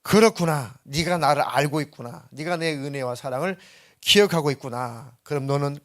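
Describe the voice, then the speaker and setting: A calm, fatherly God speaks with gentle reassurance, as a preacher puts him on mid-sermon. The voice sits fairly high and is lifted a little above ordinary talk. It has no heavy theatrics. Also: moderate pace, lightly acted. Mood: approving.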